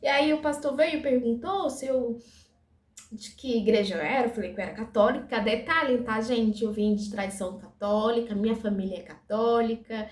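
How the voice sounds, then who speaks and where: Brief: high-voiced woman, lively testimony, echoey room. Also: moderate pace. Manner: lively storytelling, acting out dialogue. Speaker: dental assistant giving a testimony. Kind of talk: personal faith testimony.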